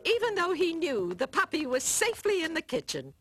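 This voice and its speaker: A woman narrating a children's cartoon story in an expressive storytelling manner. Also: extremely high pitch, brisk. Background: music.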